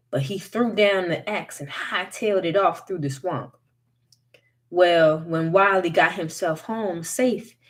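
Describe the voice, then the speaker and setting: A woman reads a folktale aloud in an unhurried, expressive storyteller's voice. She takes her time and lingers over the lines. Her voice sits on the low side.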